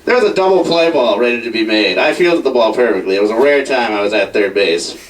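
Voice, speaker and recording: Young male comic, lively rambling delivery, self-deprecating, recorded from across a room. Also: medium pitch, quick pace. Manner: rambling, self-mocking, full of "like". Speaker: stand-up comedian. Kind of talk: stand-up storytelling at a house party. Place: crowded house party. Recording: distant mic, faint noise.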